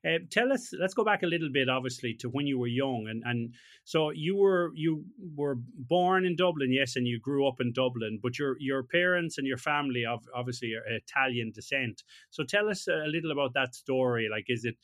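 A man's voice: mid-range voice, animated, brisk, fairly bright tone, no room sound, clean studio sound. A man hosting a casual interview, thinking aloud and ending points with tag questions. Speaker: podcast host.

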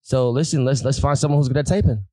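A quick-talking man from Harlem with a New York accent ribs the group in relaxed podcast chat. His voice sits at an ordinary middle pitch. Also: no room sound. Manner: joking, prodding, slangy. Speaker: podcast co-host. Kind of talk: casual banter.

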